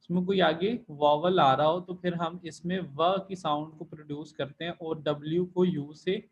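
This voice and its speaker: A man's voice: on the high side, steady tone, moderate pace, lo-fi sound. A man teaching a Chinese language class online, explaining rules patiently and repeating each point step by step. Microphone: computer mic in video call.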